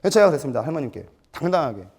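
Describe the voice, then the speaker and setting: A man giving a storytelling seminar lecture, animated and self-mocking, acting out quotes and putting questions to his audience. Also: on the high side, rapid-fire. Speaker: lecturer for martial arts gym instructors.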